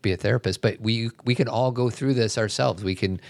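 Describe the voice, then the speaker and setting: A man's voice: on the low side, a little fast, vocal fry, no room sound. A man co-hosting a talk show, chatting casually and adding practical, supportive suggestions. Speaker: podcast co-host. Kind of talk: casual conversational chat.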